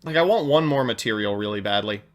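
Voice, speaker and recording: Excitable man commentating a card game stream. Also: fairly low pitch, fast. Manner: excitable, chatty, reads chat aloud and laughs at his own jokes. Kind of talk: casual live-stream commentary while playing a card game.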